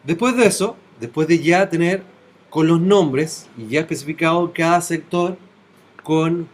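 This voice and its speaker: A man, teaching in a classroom. He takes the software one step at a time and often stops to ask whether his students are following. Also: fairly high pitch, a little slow. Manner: talks step by step, checking in with students. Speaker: web design teacher.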